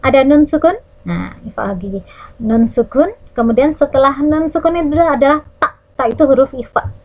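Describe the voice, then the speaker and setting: A woman with an Indonesian accent teaches recitation rules in a bright, fairly high voice, pausing to sing out Arabic words slowly as examples. Her teacherly tone keeps checking in with the class. The recording sounds a bit dull and lo-fi. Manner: lively teacherly, checks in with "ya" and "nah". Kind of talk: Quran recitation rules lesson for children.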